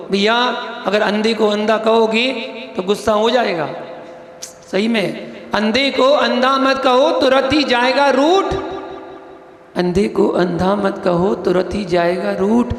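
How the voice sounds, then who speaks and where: A man preaches a sermon as a monk, in a very high voice, telling stories and asking rhetorical questions. His voice rings out with a long reverberation through a large hall. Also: a little hiss or hum. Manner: animated storytelling with rhetorical questions.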